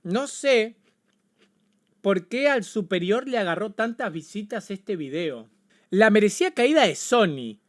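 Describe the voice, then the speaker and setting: A man with an Argentine accent reacting on a casual livestream, excitable and swearing, often repeating himself. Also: high voice, a little slow. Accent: Argentine Spanish. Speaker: streamer.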